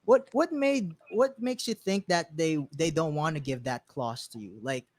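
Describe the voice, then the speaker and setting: A man's voice: on the high side, lively intonation, normal speed, a little mellow, no room sound. A man hosting an interview, agreeable and loose, asking his questions with fillers along the way. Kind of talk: casual interview.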